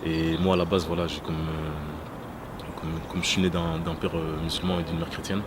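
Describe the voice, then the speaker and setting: A man's voice: low voice, level tone, a little fast. A man from Congo in his thirties, giving a testimony interview with many hesitations and restarts. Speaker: interview guest. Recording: loud background noise.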